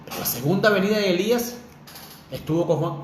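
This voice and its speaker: A man's voice: sits high, animated, fast. A man preaching a sermon fervently, putting rhetorical questions straight to his listeners. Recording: echoey room with faint noise.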